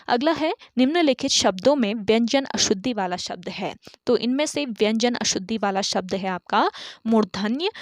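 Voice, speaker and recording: A woman's voice: a little high, dry recording, clean studio sound. A woman teacher going through an exam paper one question at a time. She reads each question, repeats it, then gives the answer. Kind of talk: online exam paper solution lesson.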